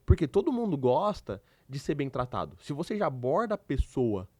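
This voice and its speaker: A man with a Brazilian Portuguese accent, a podcast guest telling his work stories in an emphatic, animated way. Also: medium pitch, normal speed, no room sound. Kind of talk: casual interview storytelling.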